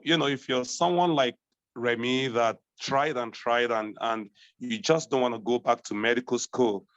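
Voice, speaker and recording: A hoarse man speaking as a panel guest, halting and repeating his words. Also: medium pitch, dry recording. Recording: dry dull online call audio.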